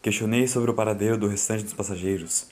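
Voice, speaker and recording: A man with a Brazilian accent narrates a horror audiobook, reading the scripted text in a solemn, theatrical style. His lowish voice stays steady and he talks fast. Loud music plays under the voice, with slight background noise.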